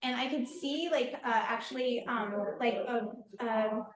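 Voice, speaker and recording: A woman's voice: a little high, unhurried, a crowd in the background. A woman who works as a lymphatic therapist and holistic healer, giving an informal, earnest workshop lecture that is full of fillers. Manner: chatty and earnest, with frequent fillers. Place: event space at a market and deli. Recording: echoey room with faint background ambience.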